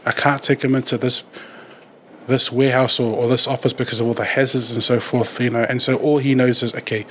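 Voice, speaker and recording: A man talks things through in a candid, reflective way. His voice sits at a middle pitch, and he often circles back to find the right words. Faint background noise hums under the conversation. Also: little pitch movement, a little fast, a bit bright. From New Zealand. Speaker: podcast guest, community worker.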